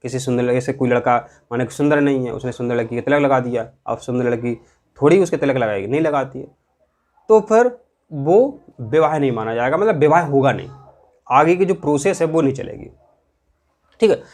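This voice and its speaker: A man's voice: mid-range voice, expressive, a little fast, a little mellow. A man teaching an exam-prep lesson, asking questions aloud and repeating the answers in a colloquial way. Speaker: quiz teacher.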